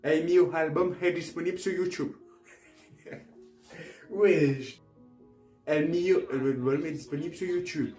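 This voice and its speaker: Speaking slowly with long pauses, a young man with a fairly high, darkish voice jokes about himself as he tries out language-app phrases, repeating them over and over. It's a casual vlog, recorded in an echoey room with faint background music.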